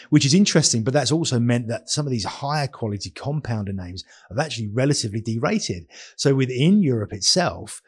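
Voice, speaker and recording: A man with a husky voice, speaking as a guest fund manager in conversational market commentary, explaining his views with careful caveats. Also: medium pitch.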